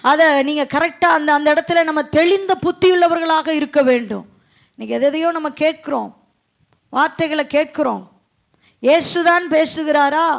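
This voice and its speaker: A woman preacher delivering a Sunday sermon with a very high, gravelly voice. She swings from hushed, conversational asides to loud, fervent cries. Recorded at a church service.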